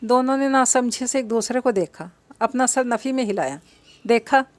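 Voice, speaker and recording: Woman narrator reading a novel aloud, even and steady, slightly high voice, dry close sound. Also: normal speed, no room sound.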